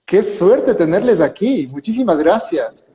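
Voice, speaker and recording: A priest hosts an interview, asking questions in a warm, enthusiastic manner. His voice is high-pitched, mellow, and very animated, with a slightly slow pace. The conversation was recorded in an echoey room with a long reverb.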